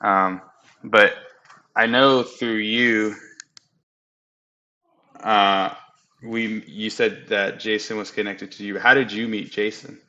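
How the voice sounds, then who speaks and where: A young man hosting a casual podcast chat at home, loose, profane and quick to laugh. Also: lowish voice, steady tone, pushed and bright, lo-fi sound. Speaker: podcast host. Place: home room.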